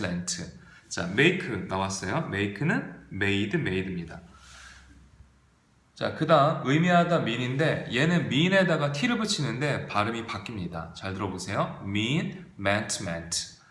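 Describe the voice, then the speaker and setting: Male teacher, unhurried lively lecture, roomy echoey sound. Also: mid-range voice. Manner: drills verb forms aloud, asks and answers own questions. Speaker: English teacher. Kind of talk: online video lecture. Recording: roomy echo.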